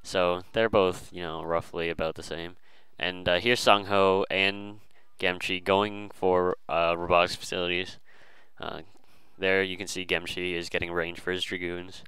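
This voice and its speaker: A man's voice: sits low, little pitch movement, a little slow, sharp tone, smooth, no echo, rough recording. A man casually commentating a strategy game, hesitant and full of fillers and restarts.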